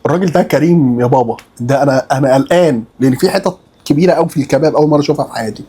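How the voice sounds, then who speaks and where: A young man with an Egyptian accent reviewing food in a casual vlog, animated and joking, often exclaiming in surprise as he tastes. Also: on the high side, very fast, husky. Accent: Egyptian Arabic.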